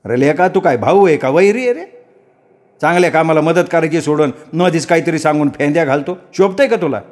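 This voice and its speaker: Guy playing a stubborn religious villager, high and scolding. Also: animated, a little fast, darkish tone, natural voice. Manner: scolding, raised and insistent. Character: stubborn devout middle-aged village man. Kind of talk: dramatic storytelling.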